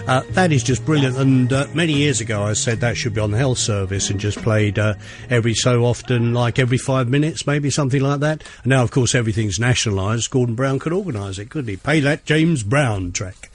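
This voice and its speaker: Middle-aged male DJ, chatty and upbeat, faint music underneath. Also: medium pitch. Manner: chatty, enthusiastic, many "uh" pauses. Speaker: radio DJ. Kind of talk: casual radio presenting.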